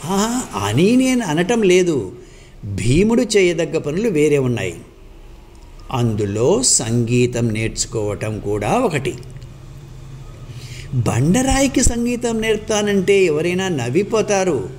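A man's voice: on the high side, very animated, takes it slowly, long pauses, darkish tone, a little hiss or hum, voice pushed up. A man voicing a skeptical adult friend who doubts and mildly mocks the idea of teaching a laborer music. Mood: skeptical teasing.

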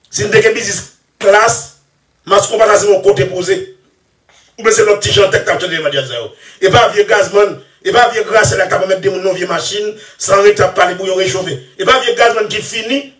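A man talking in a rambling, excitable way, laughing often and trailing off into mumbles. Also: high voice, a little fast. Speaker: musician interviewee. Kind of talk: animated rambling interview talk. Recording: echoey room, far from mic.

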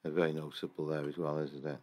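A very deep, somewhat mellow voice comes from an English paranormal investigator who talks quickly in a level tone while reviewing security camera footage on his computer. He rambles through casual screen-recorded commentary, with lots of fillers and restarted phrases.

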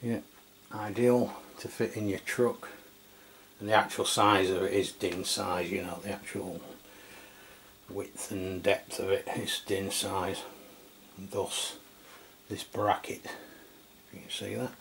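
A middle-aged man, a radio product reviewer, does a casual, unscripted product demo at an indoor tabletop, thinking aloud tentatively. His voice sits low and steady with a fairly bright tone, and he takes it slowly with frequent pauses. The recording is clear, with background noise and room ambience.

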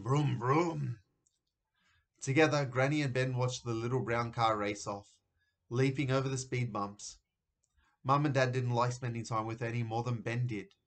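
A man teaching a class who reads a children's book aloud chapter by chapter and then gives his students instructions. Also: medium pitch. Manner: steady storytelling, then upbeat classroom instructions.

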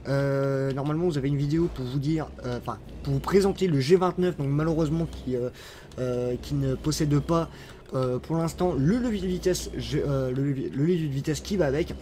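A man's voice: fairly high pitch, brisk, dark tone, a little hiss or hum. A man giving casual, rambling gameplay commentary, full of fillers and playful asides. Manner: chatty, rambling, many fillers and restarts. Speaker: gaming YouTuber.

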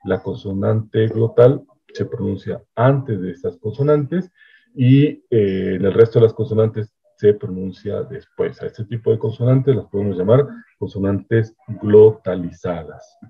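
Guy explaining stuff slowly, lowish raspy voice, muffled lo-fi audio. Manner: explanatory, measured, frequent "¿no?" checks. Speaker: linguistics researcher giving a lecture. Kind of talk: online academic lecture. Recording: dull lo-fi online talk audio.

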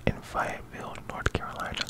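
A young man whispers softly as an ASMR host, reading aloud close to the microphone while chewing gum. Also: quick pace. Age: young adult. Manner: soft, unvoiced whisper throughout. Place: small indoor room. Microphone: close condenser microphone with furry windscreen.

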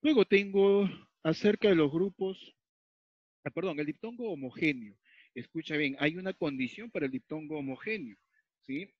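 Fairly high-voiced teacher checking in often. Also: male voice, expressive, moderate pace. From Peru. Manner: explains step by step, repeats key points, checks in with frequent "¿ya?". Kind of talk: recorded grammar lesson. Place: at a whiteboard or tablet, writing as he talks. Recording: dull lo-fi dry recording.

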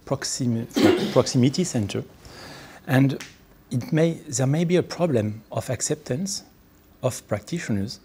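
Husky-voiced man, halting panel answer. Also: mid-range voice, darkish tone. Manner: halting, restarts phrases often. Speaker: panelist surgeon. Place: wood-panelled library meeting room.

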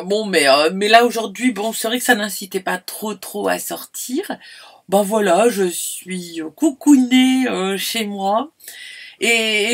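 A fairly high-voiced middle-aged woman from France chats casually to camera from inside her camper van. She rambles along with plenty of fillers and restarts. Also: a bit bright. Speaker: vlogger.

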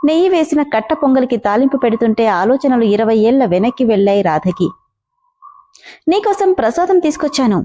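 Woman narrator for an emotional serial story; emotive, warm, mellow, slightly high. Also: a little fast, hardly any pauses.

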